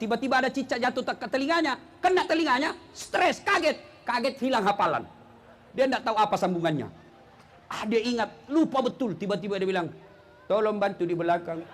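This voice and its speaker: High-voiced preacher telling jokes. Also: male voice, a bit bright. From South Sulawesi. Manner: joking storyteller, acts out characters, drops low for punchlines. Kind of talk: humorous sermon.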